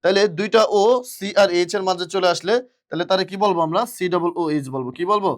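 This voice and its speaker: A man's voice: high-pitched, fairly even intonation, fast. A male chemistry teacher giving a classroom lecture, who asks questions, answers them himself and repeats the key words.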